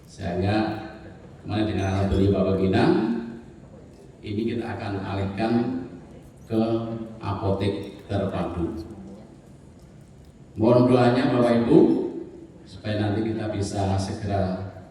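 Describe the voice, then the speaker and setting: Male official, Javanese Indonesian accent, formal halting speech, lowish mellow voice, strong hall echo. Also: steady tone. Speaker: cooperative board official giving a speech. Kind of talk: formal public welcome speech. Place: large indoor event hall. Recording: echoey hall, distant, faint noise.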